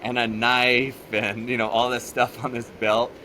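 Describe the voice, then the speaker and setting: A man telling casual stories in a relaxed chat, animated and laughing as he goes. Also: mid-range voice, unhurried, slight background noise. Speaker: podcast guest.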